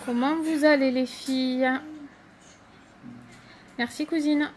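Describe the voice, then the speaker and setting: A woman's voice: sits high, fairly even intonation, slow, soft background music. A woman hosting a casual live stream, chatting to viewers by name and showing makeup products, with many fillers.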